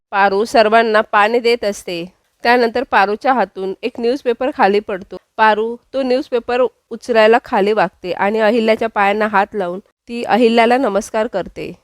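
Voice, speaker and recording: A woman's voice: a little high, fairly even intonation, normal speed, dry recording. A woman narrating a scripted recap of a TV drama, reading the characters' lines herself. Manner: reads quoted dialogue in her own voice.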